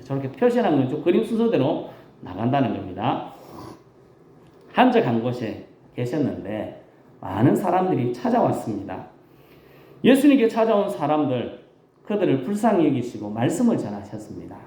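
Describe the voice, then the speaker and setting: Animated Gyeongsang-accented country pastor preaching. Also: male voice, mid-range voice, reverberant. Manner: folksy, emphatic, self-deprecating humor. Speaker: rural pastor. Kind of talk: Sunday sermon.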